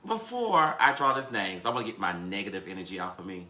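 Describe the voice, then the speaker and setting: A man's voice: low voice, wildly swooping pitch, fast, sharp tone. A man in his thirties hosting a live podcast, ranting heatedly with lots of profanity and laughter. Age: 30s. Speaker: podcast host.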